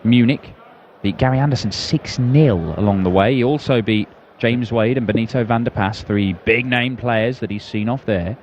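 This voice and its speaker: A man's voice: mid-range voice, normal speed, a little mellow, highs cut off, a little hiss or hum. A man giving live darts commentary as a broadcast commentator.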